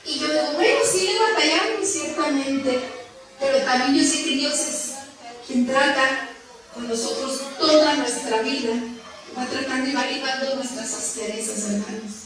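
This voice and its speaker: A woman preaches in a church hall, her high voice carrying through heavy echo. She stands some distance from the microphone and tells her story in a conversational way, stopping often for rhetorical questions. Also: normal speed, fairly bright tone. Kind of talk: sermon. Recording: echoey room from far off the mic.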